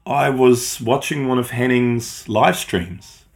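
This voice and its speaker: This gravelly, mid-range voice moves slowly. It belongs to a middle-aged podcast co-host who grew up in Austria speaking German first, chatting casually and meandering with frequent ums, restarts and self-corrections.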